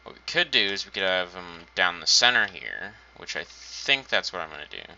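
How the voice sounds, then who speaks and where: A man's voice: low voice, lively intonation, moderate pace, gravelly, sharp tone. A man casually commenting on his own gameplay, thinking aloud while building and making dry, self-mocking asides. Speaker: gaming channel host. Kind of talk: casual let's-play commentary. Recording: dull lo-fi home recording.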